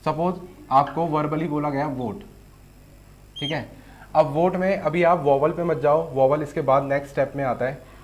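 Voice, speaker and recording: A man's voice: fairly high pitch, a little hiss or hum. A man teaching shorthand in an online lesson, patiently explaining each stroke step by step. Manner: patient, explains step by step with frequent "theek hai". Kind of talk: online lesson with board demo.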